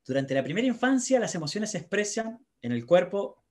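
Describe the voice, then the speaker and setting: Animated man talking on parenting. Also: high voice, fairly quick. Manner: animated, with many tag questions. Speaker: psychologist. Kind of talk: conversational talk on parenting.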